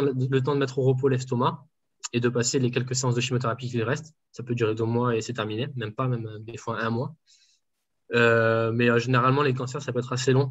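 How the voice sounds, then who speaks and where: Man, dietitian interviewee, halting delivery, dull lo-fi call sound. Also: medium pitch. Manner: hesitant, many fillers and restarts. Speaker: home enteral nutrition dietitian. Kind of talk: casual interview answers.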